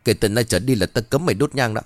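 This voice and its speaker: A man's voice: mid-range voice, fast talker, no room sound, faint music behind, lightly acted. A man voicing a cruel, foul-mouthed pregnant stepmother who scolds shrilly and snarls threats. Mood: furious.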